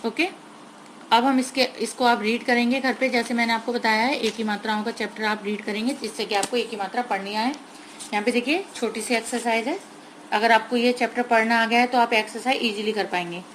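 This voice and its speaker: A woman teacher slowly explaining a grammar lesson to young children, sounding out words carefully and mixing in English words. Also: a little high, fairly even intonation, a little hiss or hum, low-quality recording.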